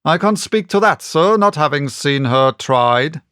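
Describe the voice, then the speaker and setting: A sharp, stern ship's captain, as a male reader acts him out in a storybook. He speaks bluntly and formally, with clipped insistence and a raised pitch, recorded close and dry. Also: animated, a little slow, clear, resonant tone, no echo. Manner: plain-spoken, clipped, insistent. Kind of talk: audiobook character reading.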